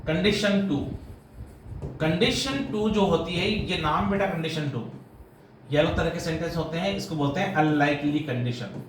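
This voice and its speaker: A man's voice: on the high side, moderate pace. Indian man teaching grammar in an echoey room. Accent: Indian English. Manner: explains step by step, quizzes students with questions, calls them "beta". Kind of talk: classroom grammar lesson. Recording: echoey room with light background noise.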